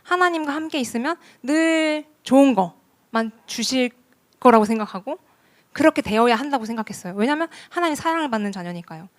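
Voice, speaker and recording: Woman evangelist preaching at church, earnest, talks right to the people, voice a bit high. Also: expressive, brisk. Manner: earnest, talks directly to the congregation. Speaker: youth ministry evangelist. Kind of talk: sermon. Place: church worship service.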